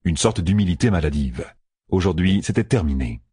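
A man narrating an audiobook with expressive storytelling. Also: deep voice, fairly quick, slightly rough, dry recording, studio quality. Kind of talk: scripted narration.

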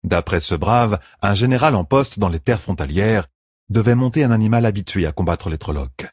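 Deep husky male audiobook narrator. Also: animated, normal speed, no echo, studio quality.

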